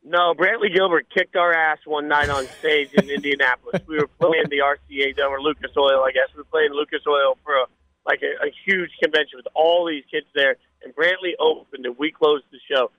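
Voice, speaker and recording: A man's voice: fairly high pitch, steady tone, a little fast, lo-fi sound. A man appearing as a radio guest, telling casual anecdotes in a chatty, rambling way.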